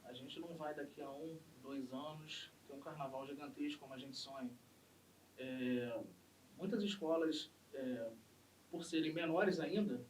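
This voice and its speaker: A Brazilian samba drum master from the Rio area talks in a casual podcast conversation, earnest and opinionated. His voice sits a little high and rises to emphatic peaks. He sounds set back from the mic, with faint hiss underneath. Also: a little mellow, distant mic, low-quality recording. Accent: Brazilian Portuguese, Rio de Janeiro state.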